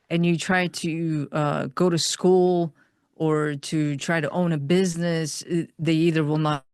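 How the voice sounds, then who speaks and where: Woman from Iran with a smooth voice. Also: low voice, no room sound, clean studio sound. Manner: earnest, steady storytelling with small restarts. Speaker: guest. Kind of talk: personal life story in an interview.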